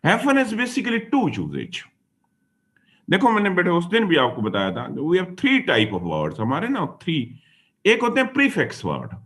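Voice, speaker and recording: A high-sitting, slightly bright male voice swoops wildly in pitch at an unhurried pace. In his classroom grammar lecture he patiently explains and repeats for his students, blending Hindi into his English mid-sentence.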